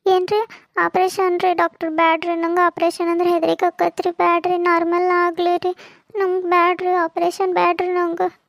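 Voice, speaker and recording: A woman's voice: extremely high pitch, monotone, normal speed, gravelly, dry recording, studio quality. A woman voicing a frightened young pregnant village woman in labor in a cartoon, pleading and whimpering with a North Karnataka Kannada accent. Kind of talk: cartoon comedy voice acting.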